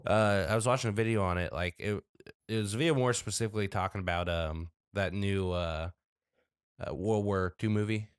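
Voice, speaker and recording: Male podcast co-host, low smooth voice, rambling with fillers, dry recording. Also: a little fast, no room sound. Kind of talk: casual chat.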